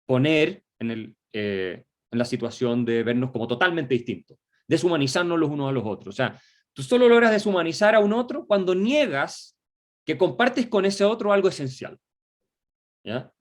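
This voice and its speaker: A man's voice: a little high, very animated, normal speed. A man, a guest explaining ideas at length in a political discussion, with frequent hesitations and tag questions. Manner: lecturing, many filler "eh" and tag questions. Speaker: guest commentator.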